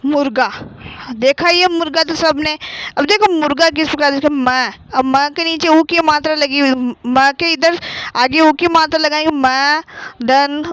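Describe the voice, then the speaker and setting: A woman's voice: high voice, fairly even intonation, unhurried, a bit bright. A woman teaching a children's Hindi reading lesson, patiently spelling out each syllable and blending them into words.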